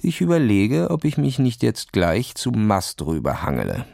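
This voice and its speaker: A man's voice: on the low side, huge pitch swings, moderate pace, gravelly, darkish tone, no echo, clean studio sound, full character voice. A man voicing a bold, restless boy in a children's audio story who brags and brushes off danger. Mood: boastful. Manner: boastful, daredevil, brushes off danger. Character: bold restless boy stuck in a ski lift.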